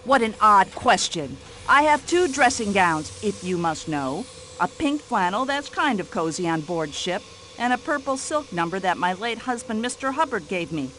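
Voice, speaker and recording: An actress playing a pushy, talkative middle-aged American widow who complains indignantly, with an American accent. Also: female voice, medium pitch, sing-song, moderate pace, sharp tone, a little hiss or hum, low-quality recording. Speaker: witness in a radio-style drama.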